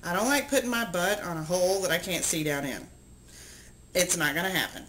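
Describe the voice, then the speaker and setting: A woman's voice: lowish voice, fairly quick, low-quality recording. A middle-aged woman talking casually to camera in a vlog, chatty and rambling, telling stories with lots of ums. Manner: chatty, rambling, animated storytelling with many ums. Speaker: vlogger.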